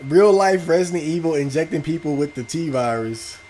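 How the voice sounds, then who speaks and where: A man streaming a video game with loud, profane, reactive outbursts and casual chat. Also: on the high side, lively intonation, normal speed. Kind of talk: casual gaming stream commentary.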